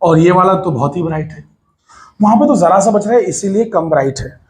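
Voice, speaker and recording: A man teaching physics to a class of students, lively and coaxing, calling them to listen and asking if they follow. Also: high voice, a little fast. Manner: lively, coaxing, addresses students as beta, mixes English phrases.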